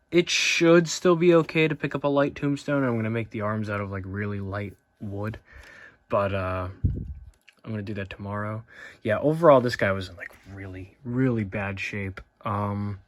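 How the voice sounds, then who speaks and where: A man's voice: fairly low pitch, dry recording. An American man talking casually and matter-of-factly through a hands-on repair, filming himself as he works. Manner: matter-of-fact, unscripted. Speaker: hobbyist repairing a Halloween animatronic.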